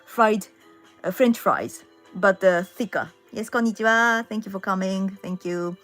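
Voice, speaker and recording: A woman's voice: medium pitch, unhurried, a bit bright, soft background music. A middle-aged woman from Japan with a Japanese accent hosts a casual livestream chat from home, reading out viewer comments and answering them. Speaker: livestream host and singer. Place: home in London.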